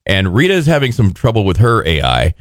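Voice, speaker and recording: A man's voice: fairly low pitch, wildly swooping pitch, a little fast, dry recording. A man hosting live radio with casual, teasing, joking banter in a studio. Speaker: radio host.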